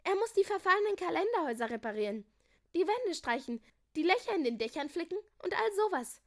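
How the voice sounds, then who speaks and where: A woman's voice: very high-pitched, big pitch swings, a little fast, pitched above the performer's own voice, exaggerated voice. A woman voicing an eager young girl who blurts out her ideas. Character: bubbly little girl heroine.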